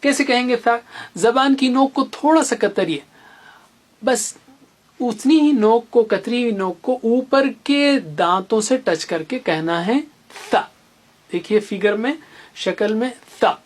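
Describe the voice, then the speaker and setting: Slow calm tajweed teacher, repeats every letter sound, tells little stories to help you remember. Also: medium pitch. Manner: patient, repeats each letter sound slowly. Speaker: Quran teacher. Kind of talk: tajweed lesson for beginners.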